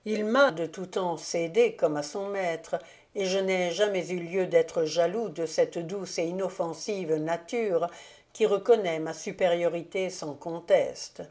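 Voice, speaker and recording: A woman's voice: on the low side, a little slow, darkish tone, lightly acted. A woman reading the part of a proud, arrogant young male nobleman in an audiobook, in a haughty, self-satisfied manner.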